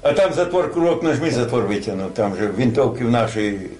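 A man's voice: medium pitch, animated, fairly quick, a little mellow, faint music behind. An older man telling a war story like a grandpa, rambling and colloquial, acting out dialogue. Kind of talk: casual oral war storytelling.

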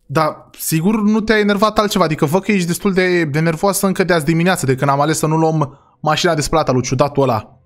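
Excitable male gaming host, high-pitched voice, talks straight to viewers. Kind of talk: role-play game commentary to viewers.

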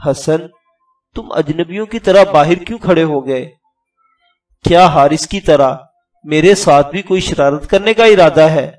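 A man's voice: a little high, natural voice. A man voicing a fierce, protective young male commander who fires off urgent, demanding questions, with a distant sound and faint music behind. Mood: teasing.

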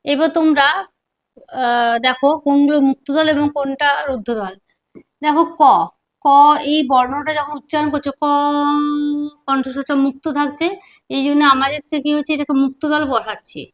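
A woman teacher giving a lesson at a board, speaking slowly and repeating syllables aloud to show how they sound. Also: high voice, steady tone. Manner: slow, repeats syllables to demonstrate pronunciation. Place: classroom with a board.

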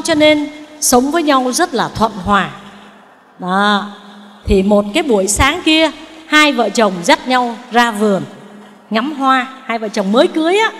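A Buddhist nun giving a dharma talk, telling a story and asking her listeners questions. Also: high voice. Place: temple hall. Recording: long hall reverb.

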